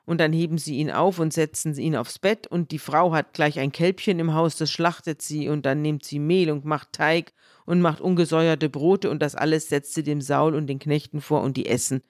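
A woman's voice: deep voice, steady tone, moderate pace, darkish tone, dry recording, clean studio sound. A woman co-hosting a podcast who retells a Bible story in casual chat, quoting the characters as she goes. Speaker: podcast co-host.

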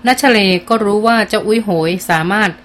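A woman reads a novel aloud in a measured, expressive style. Her voice sits at a middling pitch, with faint noise underneath. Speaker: audiobook narrator. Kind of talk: scripted narration.

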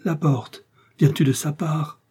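This is an arrogant nobleman from an audiobook, as a male narrator puts him on, pitched somewhat above the reader's voice and loud. His tone is mellow and husky, and his lines are indignant exclamations. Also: fairly even intonation, slow pace, full character voice. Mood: dying. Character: haughty English duke, outraged then dying.

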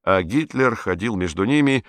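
Low-voiced man reading an audiobook. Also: expressive, moderate pace, a bit bright, no room sound. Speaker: audiobook narrator. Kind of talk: scripted narration.

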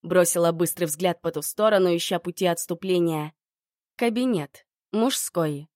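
A woman narrates a first-person audiobook expressively, carrying the emotion of the story. Her voice sits on the low side for a woman. The recording is close and dry, with no room sound. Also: normal speed, a little mellow, dry recording.

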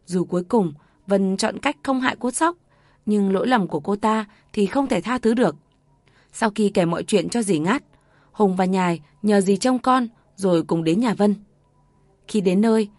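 A woman narrating an audiobook story in a steady, measured way. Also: medium pitch, no echo.

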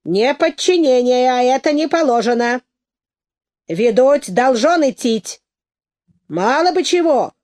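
A woman's voice: high voice, expressive, measured pace, a little mellow, voice pushed up. A woman reading a story voices a self-important man who talks with smug, rustic speech.

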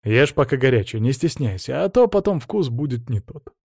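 A man's voice: mid-range voice, very animated, moderate pace, darkish tone, no echo, clean studio sound. A man reading a teasing young romantic hero. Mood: playful. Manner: teasing, cheerful.

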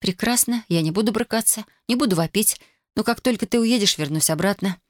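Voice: mid-range voice, fairly quick, no echo, studio quality, voice pushed up, close to an everyday voice. A narrator voicing a stubborn young woman, frightened but defiant, in a thin, raised voice in an audiobook. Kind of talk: audiobook reading.

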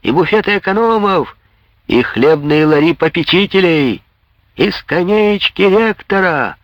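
A man plays a brash young student hurling loud, high taunts. His voice climbs well above his normal register and swings wildly in pitch. The recording is close and dry. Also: animated, a little slow, dry recording. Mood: jeering. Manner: loud, jeering, high shouts. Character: rowdy mocking young male student, shouting taunts.

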